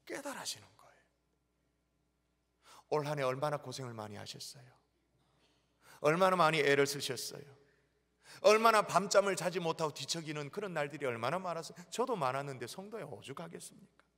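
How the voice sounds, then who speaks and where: A man's voice: fairly high pitch, expressive, brisk, pauses often, fairly bright tone. A pastor, a man, preaching emphatically to his congregation, asking them questions and acting out inner thoughts. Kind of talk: sermon. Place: church sanctuary. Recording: church hall reverb.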